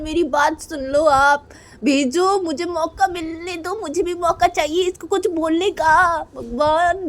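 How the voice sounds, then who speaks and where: A woman voicing a teasing older sister who protests loudly and pleads with her younger sibling. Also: sits high, pitched above the performer's own voice.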